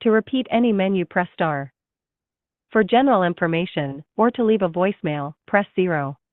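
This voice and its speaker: A woman's recorded automated phone menu message, announcing options slowly and politely, heard through a phone call. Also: lowish voice, animated, dry recording. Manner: slow, measured, polite announcing. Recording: tinny dry phone line.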